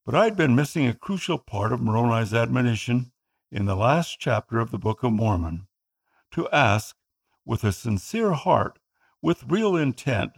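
This is scripted first-person narration from a gravelly, earnest Filipino man whose native tongue is Tagalog. He reads at a measured pace in a medium-pitched voice.

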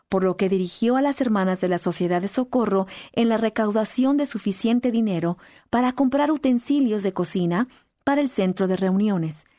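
A woman reading a scripted narration in a calm, measured way. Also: mid-range voice, no room sound, studio quality.

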